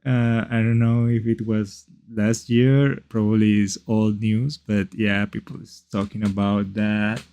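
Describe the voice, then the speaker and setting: A man who is not a native English speaker, giving casual live stream commentary and thinking aloud in a halting, repetitive way. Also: lowish voice, flat delivery, mellow, smooth. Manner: halting, repeats phrases and questions to himself. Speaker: streamer reacting to a video.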